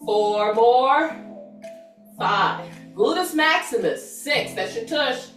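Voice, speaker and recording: Leading an exercise class, a woman aerobics instructor counts and cues each move in an encouraging, chatty way. Her voice is a little high, animated and fairly bright, and she speaks slowly; the recording is roomy, from a distant mic, with music behind.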